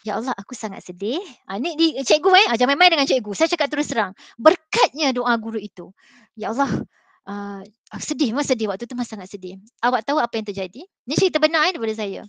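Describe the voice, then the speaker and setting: A woman's voice: on the high side, lively intonation, fast, fairly bright tone, dry recording. A middle-aged Malaysian woman, a maths teacher, telling an earnest personal story in a Malay accent with many fillers. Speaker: mathematics teacher on a school panel. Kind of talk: motivational talk with personal story.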